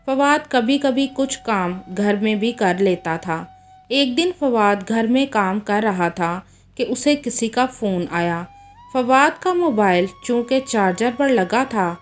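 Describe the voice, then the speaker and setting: A woman storyteller reading a moral story aloud in a steady, measured way. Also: on the high side.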